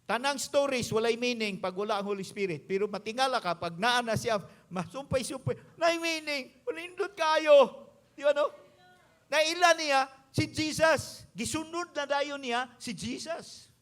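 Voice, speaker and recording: A man's voice: very high-pitched, unhurried, a bit bright. A male pastor with a Visayan Filipino accent, preaching an emphatic sermon that moves between English and his local language.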